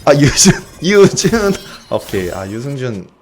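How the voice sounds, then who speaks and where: A young man streaming a video game, giving excited casual commentary, often yelling and swearing during fights. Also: mid-range voice, slow pace, slight background noise. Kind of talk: excited live gameplay commentary.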